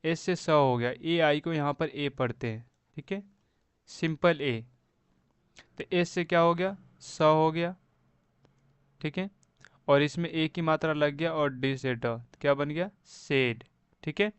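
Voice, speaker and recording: Slow, crisp male phonics teacher. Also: fairly high pitch, no room sound. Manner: slow, spells words letter by letter and repeats "thik hai". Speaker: English teacher. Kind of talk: phonics lesson for beginners.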